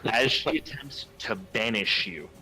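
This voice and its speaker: A man's voice: medium pitch, measured pace, sharp tone, faint music behind, low-quality recording. A man narrating as game master in a tabletop role-playing game, in a loose, rambling way.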